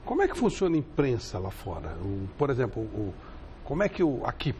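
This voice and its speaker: A man's voice: mid-range voice, sing-song, a little fast, darkish tone, slight background noise. A man hosting a sports talk panel, asking loose, hesitant questions with restarts. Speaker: TV show host. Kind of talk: casual studio interview.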